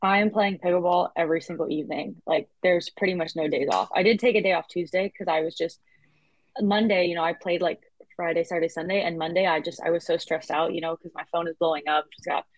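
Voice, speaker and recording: A woman in her twenties chats as an interview guest, her voice sitting a little low. She talks freely, restarting sentences and adding fillers as she goes. The sound is close and dry, with no room around it. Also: steady tone, fast talker, no echo, poor audio. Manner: chatty, with frequent restarts and fillers. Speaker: guest athlete. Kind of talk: casual interview chat.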